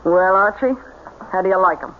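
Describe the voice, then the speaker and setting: An actress in an old-time radio drama plays a scheming, bossy female spirit medium, brisk and commanding as she gives slow, hypnotic orders to her subject. Her mid-range voice sounds fairly ordinary, heard through a noisy, tinny vintage broadcast.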